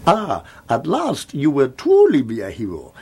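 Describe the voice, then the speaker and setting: A man's voice: mid-range voice, huge pitch swings, a little slow, a little mellow, slightly rough, heavily acted. A man playing a scheming, gloating communist spymaster with a put-on foreign accent in a comedy sketch.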